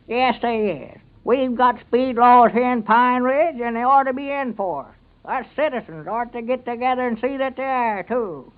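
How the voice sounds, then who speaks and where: An actor playing a sheepish, bumbling country husband, high-voiced and hesitant, with a rural Southern American accent in a radio comedy. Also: male voice, normal speed. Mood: flustered, hesitant. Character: sheepish, evasive country husband and bumbling small-town constable. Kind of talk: old-time radio comedy serial acting. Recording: narrow, tinny vintage radio recording.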